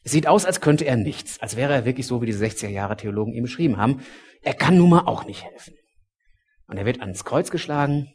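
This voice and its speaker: A man's voice: medium pitch, expressive, a little fast. Man preaching a dramatic sermon. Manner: storytelling, dramatic shifts between loud and hushed.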